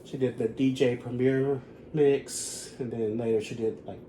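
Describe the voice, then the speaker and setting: A man's voice: medium pitch, steady tone, unhurried, warm tone, a little hiss or hum. A man in his thirties giving a chatty, rambling recap of a concert he went to. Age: 30s. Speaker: concert vlogger. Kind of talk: casual chat.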